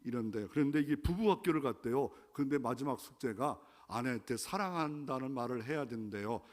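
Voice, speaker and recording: A pastor preaching a sermon in a conversational way, asking the congregation questions and building to emphatic calls. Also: male voice, mid-range voice, lively intonation, a little fast. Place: large church sanctuary. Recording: long hall reverb from church sanctuary.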